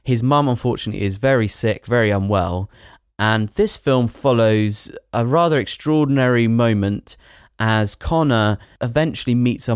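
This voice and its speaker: A man's voice: mid-range voice, clean tone, no room sound, clean studio sound. A man co-hosting a podcast, joking and opinionated as he reviews films in casual chat. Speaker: podcast co-host and film reviewer.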